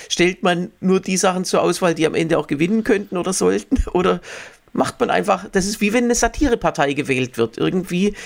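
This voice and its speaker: Man, podcast co-host, gravelly, ironic banter. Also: fairly high pitch. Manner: dry, ironic, laughs between points. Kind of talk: casual chat.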